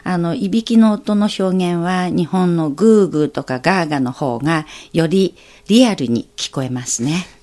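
A woman whose first language is Chinese, teaching phrases on a radio language lesson and explaining each character slowly and carefully. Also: lowish voice, darkish tone.

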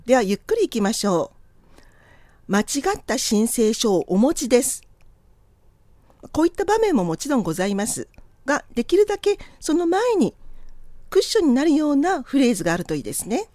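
A Japanese-speaking woman teaching English pronunciation in a polite, encouraging manner, slowly modelling English phrases for learners to repeat. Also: fairly high pitch, sing-song, dark tone, dry recording. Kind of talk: scripted lesson narration.

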